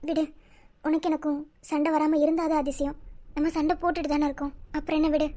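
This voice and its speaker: A woman's voice: sits high, level tone, fast talker, dark tone, lightly acted. A woman voicing a young, affectionate cartoon wife who soothes and coaxes her husband. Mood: soothing. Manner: soothing, coaxing tone. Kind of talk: cartoon voice acting.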